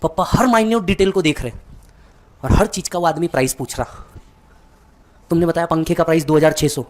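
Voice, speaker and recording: A man's voice: fairly high pitch, brisk. A man giving a motivational speech, telling a dramatic story straight to the listener. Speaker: motivational speaker.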